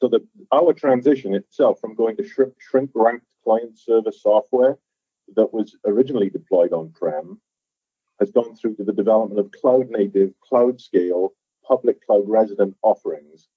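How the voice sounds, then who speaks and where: A man who is a guest on a podcast, explaining his work in a measured way with some fillers and restarts. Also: fairly low pitch, husky, no echo. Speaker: podcast guest, software architect. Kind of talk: conversational interview. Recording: tinny phone-line audio.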